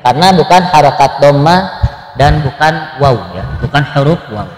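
A man teaching Quran recitation online, gently correcting students and chanting short examples. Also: a little high, animated, roomy sound, big-room sound, rough recording. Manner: chanting examples slowly between plain explanations. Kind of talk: online tajweed lesson.

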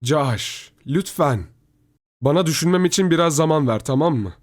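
A man's voice: a little high, animated, normal speed, voice pushed up, lightly acted. A panicky pleading young woman, put on by a man.

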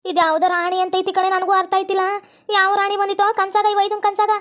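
A woman's voice: very high voice, little pitch movement, fast talker, dull audio. Woman playing a fussing old village granny. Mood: soothing. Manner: fond scolding, soothing repetition.

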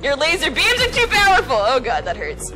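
A woman streaming a game with a high, very animated voice. She comments playfully and exclaims in a self-mocking way, with game music behind her. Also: brisk, low-quality recording.

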